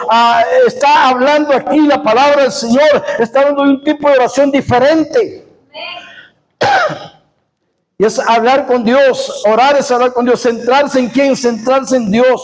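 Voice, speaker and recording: High-voiced preaching man. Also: steady tone, normal speed, poor audio. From Costa Rica. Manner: preaching with rising shouted passages, repeating key phrases. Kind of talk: sermon.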